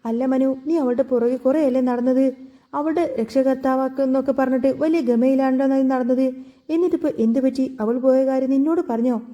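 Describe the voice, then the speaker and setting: A woman's voice: high-pitched, steady tone, a little fast, muffled recording, natural voice. Woman reading as scornful Vaijayanthi. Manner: mocking, shouting taunts. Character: scornful scheming middle-aged woman, Vaijayanthi.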